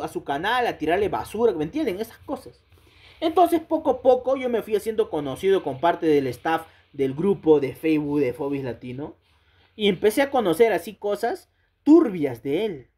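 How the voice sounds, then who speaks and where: A woman, hosting a gaming channel and telling a casual, ranting story straight to her viewers, full of fillers and quick checks that they follow. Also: low-pitched, breathy edge. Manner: animated, addresses viewers directly with frequent fillers and rhetorical checks.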